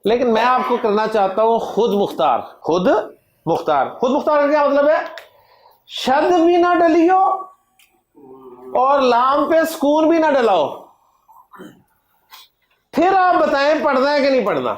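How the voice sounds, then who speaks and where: A Pakistani man teaching a Quranic Arabic class in Urdu, explaining slowly with a Pakistani accent, drawing words out and often checking "right?" with the students. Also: very high voice, expressive, dull audio. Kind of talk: classroom lecture. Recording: echoey classroom.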